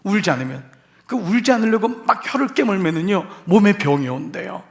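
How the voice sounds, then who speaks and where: A man's voice: high voice, big pitch swings, fairly quick, vocal fry. A male senior pastor preaching an Easter sermon in a church, talking to the congregation in a conversational way with humor and rhetorical questions. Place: church sanctuary.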